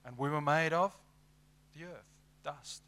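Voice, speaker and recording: A middle-aged man preaching a sermon with passion, swinging from loud to hushed as he acts out prayers. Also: on the high side, a little slow, gravelly. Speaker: pastor.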